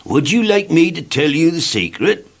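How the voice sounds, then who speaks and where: A man voicing a kindly tramp who speaks gently and soothingly. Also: fairly high pitch, big pitch swings, moderate pace, pitched above the performer's own voice. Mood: gentle.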